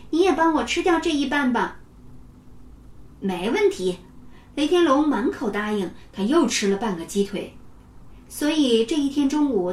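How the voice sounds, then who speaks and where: High-voiced woman reading a children's story. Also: distant mic. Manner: lively, expressive reading. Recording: roomy, from off the mic.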